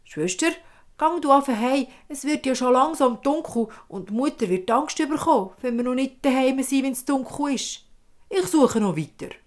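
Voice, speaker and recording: A woman with a Swiss German accent voices a brave young boy in a fairy tale, speaking earnestly. She pitches her voice high, above her own natural range, with lively intonation at a moderate pace.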